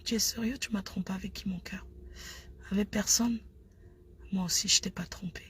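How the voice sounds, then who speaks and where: A woman playing a sultry lover on the phone, in a whispered role-play that is soft, breathy and coaxing. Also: medium pitch, fairly even intonation, a little slow, slight background noise, voice pushed down.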